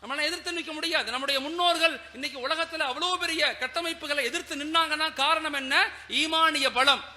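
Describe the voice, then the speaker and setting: A man's voice: very high voice, fairly even intonation, brisk, sharp tone. Male preacher, emphatic and repetitive, ringing hall reverb. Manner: emphatic, repeats key phrases. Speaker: Islamic preacher. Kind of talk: sermon. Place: school event hall.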